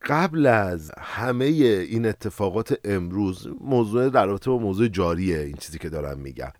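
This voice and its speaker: A man's voice: mid-range voice, a little mellow, no echo, studio quality. A man with an Iranian Persian accent hosting a history podcast, explaining things in a conversational way and speaking directly to listeners. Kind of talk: explanatory narration with casual asides.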